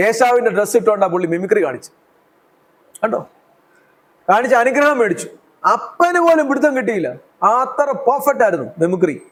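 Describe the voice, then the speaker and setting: A man's voice: sits high, a bit bright, poor audio. A pastor with a Malayali accent preaching a sermon, repeating his phrases for emphasis and putting questions to the congregation.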